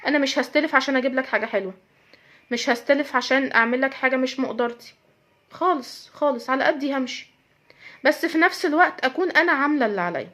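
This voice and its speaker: A fast-talking woman with an Egyptian accent gives direct advice to women, earnest and emphatic. She drives her points home by repeating them, and her voice sits a little high. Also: a bit bright. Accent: Egyptian Arabic. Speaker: host giving advice to women. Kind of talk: direct-address advice talk.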